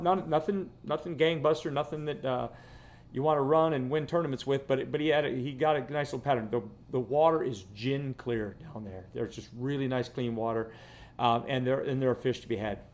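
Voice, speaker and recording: A Florida man in his fifties, a fishing guide, hosts his vlog from his living room in a medium-pitched, slightly quick voice. He talks casually and rambles, often repeating words, seated close to the camera mic.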